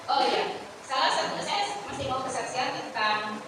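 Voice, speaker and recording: A woman preacher, giving a Sabbath sermon and telling her own story in an animated way, acting out the people she quotes. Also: high voice, a little slow, over music. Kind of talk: Sabbath sermon with personal testimony. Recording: echoey hall, voice from far off, ambient noise.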